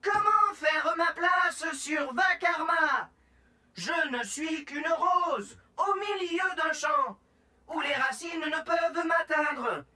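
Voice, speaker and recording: A woman's voice: sits high, takes it slowly, sharp tone, shouting, heavily acted. A woman playing a theatrical, self-absorbed cartoon thespian who declaims grandly. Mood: melodramatic. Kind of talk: French animated cartoon acting.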